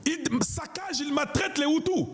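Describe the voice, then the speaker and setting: A man's voice: extremely high pitch, fairly quick, noisy background. A man from Congo, giving an impassioned political monologue in an emphatic, declamatory way and repeating himself for emphasis. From Congo (DRC). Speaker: online political commentator.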